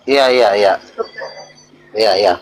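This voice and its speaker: A man in his forties, a pastor, chatting calmly in a live stream and brushing off worries with short replies. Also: lowish voice, takes it slowly, background noise. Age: 40s. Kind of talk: casual live-stream chat.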